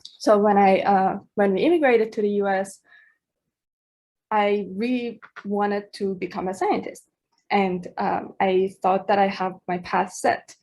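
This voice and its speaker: A woman's voice: mid-range voice, fairly even intonation, measured pace, a little mellow. A woman, giving a talk to students in a hesitant way, with many fillers and small laughs. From Iran. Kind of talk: presentation to students.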